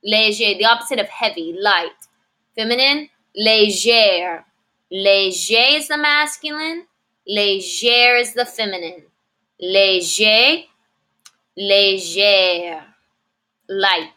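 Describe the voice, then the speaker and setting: A woman teaching French adjectives, saying each word slowly and repeating it, then explaining in English. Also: mid-range voice, sharp tone. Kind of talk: slow, clearly enunciated language lesson.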